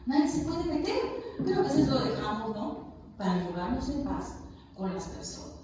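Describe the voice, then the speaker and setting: A woman's voice: high-pitched, sing-song, normal speed, warm tone. A woman preacher giving a sermon, emphatic and questioning her congregation. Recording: echoey hall, far from mic, faint hiss.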